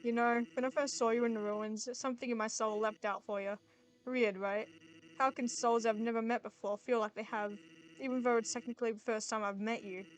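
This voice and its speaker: A woman voicing a lazy, shy male skeleton monster, softly and haltingly confessing his love. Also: on the high side, steady tone, natural voice, rough recording. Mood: tender, confessional. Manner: soft, hesitant confession.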